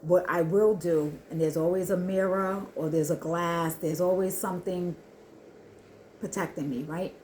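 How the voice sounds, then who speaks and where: A woman giving an earnest spiritual reading to her viewers, talking haltingly with many restarts. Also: fairly low pitch, steady tone, darkish tone, a little hiss or hum. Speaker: spiritual reader. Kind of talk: intuitive spiritual reading to camera.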